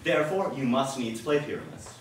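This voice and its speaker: A man's voice: medium pitch, lively intonation, a little fast, lightly acted. A man playing an earnest male carpenter who directs a play, speaking formally and patiently. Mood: instructing. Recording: echoey stage from far off, faint noise.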